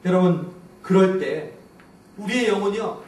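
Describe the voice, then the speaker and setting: A male pastor preaching a sermon with emphatic rises on repeated lists, dropping low and soft on key words. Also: measured pace. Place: church sanctuary. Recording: echoey church room from a distance, faint background hiss.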